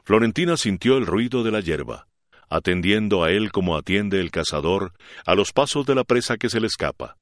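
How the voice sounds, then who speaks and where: Expressive male audiobook narrator, low voice. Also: normal speed, no room sound, studio quality. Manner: expressive, dramatic reading. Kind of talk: scripted narration of a classic novel.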